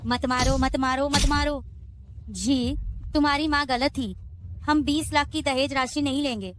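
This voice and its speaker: A woman's voice: sits high, unhurried, noisy background. A groveling greedy mother. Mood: pleading. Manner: pleading, whining. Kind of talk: dubbed drama acting.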